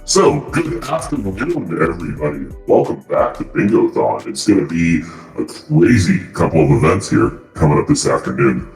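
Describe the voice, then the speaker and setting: A man hosting a charity gaming stream, speaking through a deep pitch-shifting voice changer in a relaxed, chatty way. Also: normal speed, reverberant, faint music behind, rough recording. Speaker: marathon host. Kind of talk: casual stream commentary.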